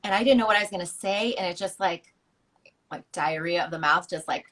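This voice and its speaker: A woman's voice: on the low side, fairly quick, fairly bright tone. A young woman guest telling her story in a candid, chatty way on a casual live-stream interview. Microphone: video call.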